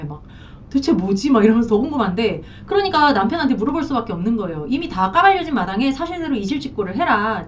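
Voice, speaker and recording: A frank, emphatic woman counselor whose fairly high voice swings up and down as she makes her points. She sounds a little far from the mic. The recording is dull and lo-fi, with a faint rumble underneath. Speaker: marriage counselor. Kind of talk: advice talk to camera.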